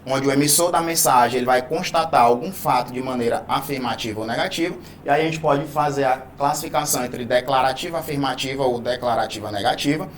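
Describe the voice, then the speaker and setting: A man's voice: mid-range voice, fast talker, few pauses, a little hiss or hum. A man teaching a Portuguese grammar video lesson, explaining patiently, drawing out key words and checking in often with "né?" and "tá?". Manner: didactic, stretches key words, frequent "né?" and "tá?".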